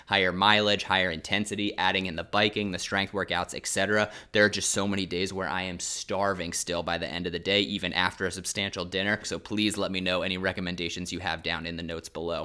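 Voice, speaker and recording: A man's voice: lowish voice, bright, forceful tone. A man talking casually to viewers as a running vlogger, chatty and upbeat as he explains his training routine. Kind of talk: casual vlog update to camera.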